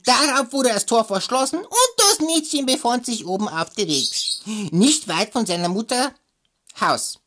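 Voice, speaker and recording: A woman's voice: fairly high pitch, sing-song, a little slow, background noise. A woman reading a fairy tale aloud for comedy, stumbling over words and adding joking asides. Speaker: reader.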